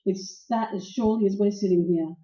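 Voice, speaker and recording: A woman playing a deceitful young femme fatale in a 1940s-style radio play, with a breathy, pleading, melodramatic delivery. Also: mid-range voice, a little fast, mellow, lightly acted. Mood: fearful, evasive. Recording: roomy, dull lo-fi recording.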